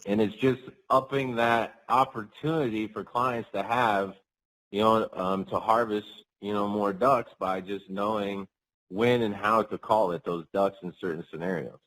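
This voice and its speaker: Male hunting guide, lowish voice, casual interview guest explaining his technique. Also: fairly even intonation, a little slow, fairly bright tone, rough recording.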